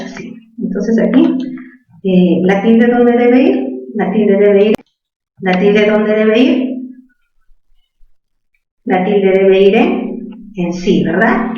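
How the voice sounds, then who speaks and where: A woman's voice: medium pitch, darkish tone, lo-fi sound. Woman teacher, patient question-and-answer style, distant echoey classroom recording. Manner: patient, asks questions and answers them herself. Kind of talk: spelling lesson to students.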